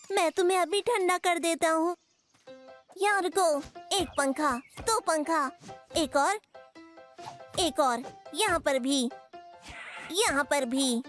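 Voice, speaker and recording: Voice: high-pitched, fairly bright tone, exaggerated voice. An actor voicing Bucky, a boastful little boy bear cub who tinkers with inventions, in a Hindi cartoon dub, with a fussy, grumbling way of talking. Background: children's music.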